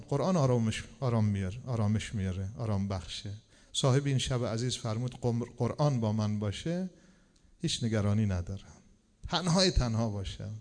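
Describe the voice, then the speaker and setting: A man's voice: medium pitch, a little mellow. A man preaching a religious sermon with rhythmic repetition that climbs to emphatic peaks. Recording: long hall reverb.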